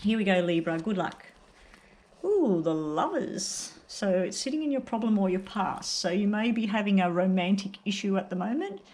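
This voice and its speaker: A woman's voice: medium pitch, brisk, hardly any pauses, a little mellow. Woman tarot reader with a sore throat. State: very sore throat, may choke up. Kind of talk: casual tarot reading to camera.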